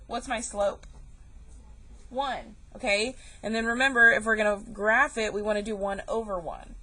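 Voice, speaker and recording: A woman's voice: medium pitch, fairly even intonation, normal speed, sharp tone, poor audio. A young woman teaching a math class, chatty and joking, calling her students y'all. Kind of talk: recorded classroom lesson.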